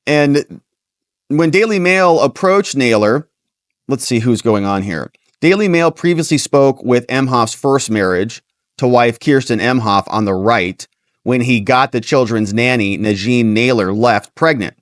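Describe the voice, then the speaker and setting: A man's voice: mid-range voice, unhurried, dry recording, clean studio sound. A man hosting a livestream, reading a news story aloud and breaking in with sarcastic asides. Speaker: host.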